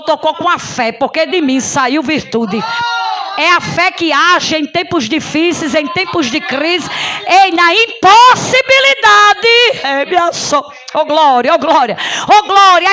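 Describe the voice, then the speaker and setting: A woman's voice: very high-pitched, background noise. A woman preacher delivering an impassioned Pentecostal sermon at a prayer service, repeating praise cries and breaking into tongues.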